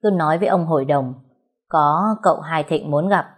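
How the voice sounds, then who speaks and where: A man's voice: a little high, normal speed, natural voice. A woman voicing a determined young man who speaks curtly and firmly. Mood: polite. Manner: firm, curt.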